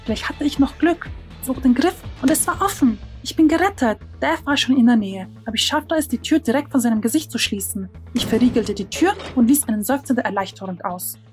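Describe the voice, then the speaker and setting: A woman's voice: fairly high pitch, lively intonation, a little fast, darkish tone, soft background music. A woman narrating a tense first-person story in a dramatic storytelling manner.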